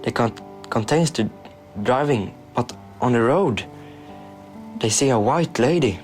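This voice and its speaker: A man reading a story aloud, halting at times and restarting words. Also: medium pitch, lively intonation, faint music behind. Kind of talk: scripted story narration.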